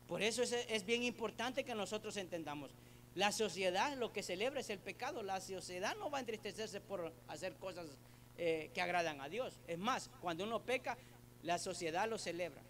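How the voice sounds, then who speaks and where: A man's voice: high voice, a bit bright, slight background noise. A man preaching a sermon in an earnest way, calling the listener brother, asking rhetorical questions and reading Bible verses aloud. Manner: earnest, repeats words while searching for phrasing.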